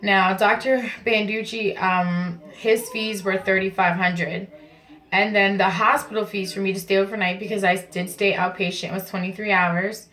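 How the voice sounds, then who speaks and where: A woman's voice: medium pitch, fairly even intonation, normal speed, a bit bright, rough recording. A woman vlogger talking casually and informally to camera, explaining things in a chatty way from her bathroom at home. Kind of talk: casual vlog talk to camera.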